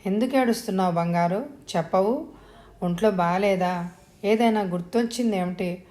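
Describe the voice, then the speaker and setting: A woman voicing a rough but caring village rowdy in a spoken audio story, with blunt, teasing speech. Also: medium pitch, moderate pace, warm tone, close to an everyday voice. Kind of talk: audiobook dialogue.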